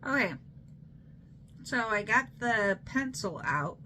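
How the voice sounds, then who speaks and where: A woman's voice: a little high, animated, slow, pushed and bright, slight background noise. A tipsy woman, rambling loosely and playfully through a casual makeup unboxing vlog. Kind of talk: casual rambling product show-and-tell.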